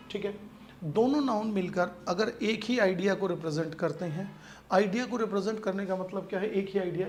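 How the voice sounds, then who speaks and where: Echoey Hindi-speaking English teacher. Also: male voice, high voice, slight background noise. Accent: Indian English. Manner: explains in Hindi with English examples, asks checking questions. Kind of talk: grammar lesson for exam prep. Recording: echoey room with faint ambience.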